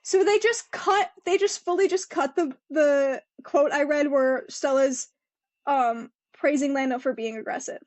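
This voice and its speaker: High-voiced chatty young woman. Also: measured pace, a little mellow. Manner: chatty, laughs often, reads quotes aloud. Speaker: podcast co-host. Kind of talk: casual chat about motor racing.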